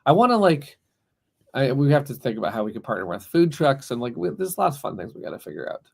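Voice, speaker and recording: A male board game publisher hosts a relaxed livestream chat. His voice has a gravelly fry, and he talks in an excitable, rambling way, restarting sentences as he goes. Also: medium pitch, fast.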